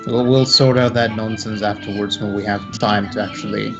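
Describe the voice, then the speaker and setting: A man's voice: lowish voice, fairly even intonation, normal speed, over music. Man playing a tabletop character, muffled. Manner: mixes narration and in-character lines, casual swearing. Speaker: tabletop player. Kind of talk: voicing his character in a tabletop game.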